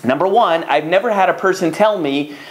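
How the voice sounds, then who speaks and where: A man's voice: high voice, brisk. A man in his thirties, a rabbi and matchmaker, giving casual advice straight to the camera and acting out callers' lines. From United States. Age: 30s. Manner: animated, conversational, acts out callers' lines. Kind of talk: direct-to-camera advice talk.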